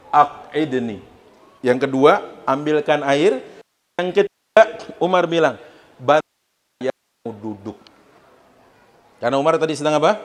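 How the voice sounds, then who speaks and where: A male Islamic preacher with a Betawi accent, delivering a humorous sermon and chatting with his audience. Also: on the high side. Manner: jokey, animated, chatty with the audience.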